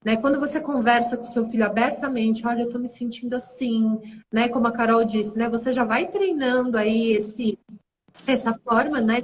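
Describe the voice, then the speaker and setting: Chatty Brazilian woman, slightly high voice. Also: a little hiss or hum, low-quality recording. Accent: Brazilian Portuguese. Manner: warm, conversational, many tag questions. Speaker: guest, prenatal psychology specialist. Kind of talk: casual live video chat.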